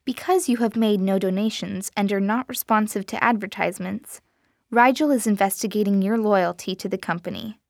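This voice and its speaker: A woman voicing a cold, robotic smartwatch assistant that speaks in a flat, polite, mechanical way. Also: medium pitch, moderate pace, gravelly, no room sound, studio quality, close to an everyday voice.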